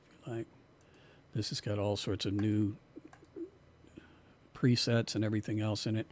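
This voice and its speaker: Relaxed man teaching a recording class. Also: medium pitch. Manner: relaxed, repeats words while explaining. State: losing his voice. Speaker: music production instructor. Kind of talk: online class lecture.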